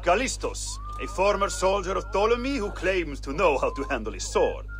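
An actor playing a jaded, mocking gladiator arena master in a video game, with a coarse, theatrical manner. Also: male voice, high-pitched, big pitch swings, moderate pace, fairly bright tone, faint music behind. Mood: brisk, sardonic.

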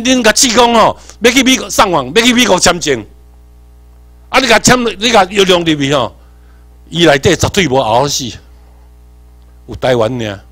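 A man from Tainan with a Taiwanese accent, giving an animated workshop lecture, quizzing the audience and swinging between emphatic and muttered asides. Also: fairly high pitch. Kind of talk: seminar lecture mixing Hokkien and English terms.

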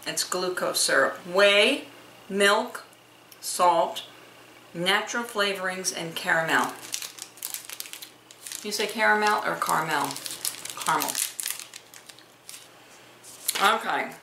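A woman's voice: fairly low pitch, slow, pauses often, pushed and bright. A middle-aged woman vlogging a casual snack taste test, chatty and homey, thinking aloud as she goes. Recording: echoey room with clear noise.

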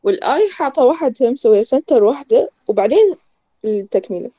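A woman's voice: fairly high pitch, animated, fast, warm tone, no echo, muffled recording. A female student politely asking her lecturer a question in an online class.

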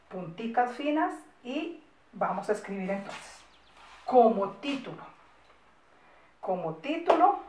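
A woman's voice: on the high side, far from the mic, a little hiss or hum. A woman, a primary school teacher giving a recorded class to young children, dictating patiently with coaxing questions and many diminutives. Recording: echoey room, mic set back.

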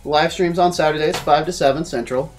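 A man's voice: on the high side, fairly even intonation, brisk. A man co-hosts a loose, rambling channel update, teasing his co-host with a joking edge. He sounds like he is on a phone or laptop mic, with faint music under him. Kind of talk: casual channel update chat.

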